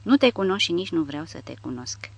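Man playing a curt irritable prisoner officer, gruff, snapping, audiobook. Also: fairly high pitch, sing-song, heavily acted. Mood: irritated.

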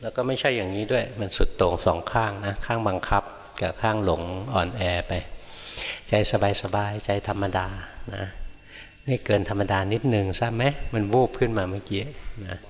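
An older man, a Buddhist monk teacher, guiding students with gentle, repeated checking questions in a monastery hall. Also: on the low side, steady tone, moderate pace. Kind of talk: dharma Q&A guidance. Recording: echoey hall.

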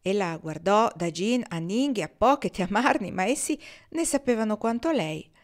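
A woman reads a novel aloud as an audiobook. Her delivery is expressive and measured, and her voice sits at a middle pitch. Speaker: audiobook reader. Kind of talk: literary audiobook narration.

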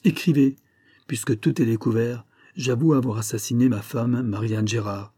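Man doing a tough guy giving orders in a story, firm, dark husky voice. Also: mid-range voice, steady tone, moderate pace, no echo, clean studio sound, close to an everyday voice. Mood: commanding. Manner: firm, commanding. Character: stern male avenger holding a pistol.

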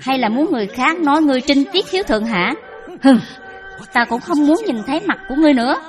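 Woman playing a harsh older mother-in-law, shrill, rapid scolding, high voice, faint background music. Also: expressive. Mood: cold, scornful. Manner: shrill, cutting, quick scolding.

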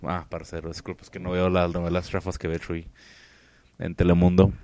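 Low-voiced joking podcast host man. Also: monotone, fairly quick, darkish tone. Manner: joking, teasing banter. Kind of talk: casual chat.

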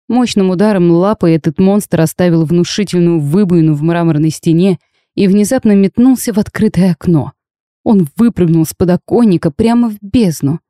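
Audiobook narrator, woman, wry and expressive, low dark mellow voice, dry close sound. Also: no echo. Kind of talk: first-person audiobook narration.

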